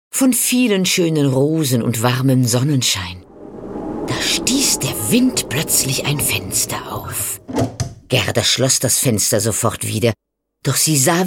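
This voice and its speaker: Woman, fairy-tale narrator, low voice, slow, dramatic. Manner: slow, dramatic storytelling, addressing the listener. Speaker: storyteller. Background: faint music.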